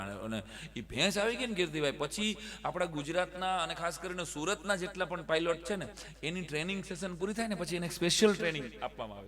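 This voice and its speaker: A man telling comic stories live, acting out the people in his tales with sudden shouts and bits of broken English. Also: fairly high pitch. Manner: animated, acts out characters with sudden loud shouts and broken English. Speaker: stand-up comic storyteller. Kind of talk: live folk comedy storytelling.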